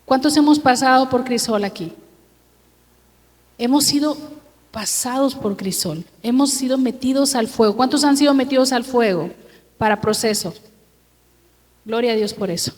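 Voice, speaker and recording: A woman's voice: a little high, a little mellow. A woman pastor preaching a sermon in a church, emphatic and drawing out her words as she quizzes the congregation with repeated questions. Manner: slow, drawn-out reading of scripture verses. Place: church sanctuary. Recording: long hall reverb.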